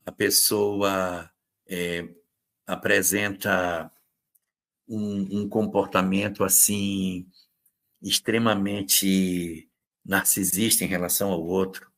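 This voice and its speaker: A man's voice: low-pitched, steady tone, slow pace, gravelly, a bit bright. A man giving an informal spiritist lecture on relationships, talking conversationally and acting out quoted partners in short bursts. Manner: acts out quoted abusive partners in brief bursts; conversational, with hesitations and reading out viewers' comments. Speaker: spiritist lecturer hosting a live talk.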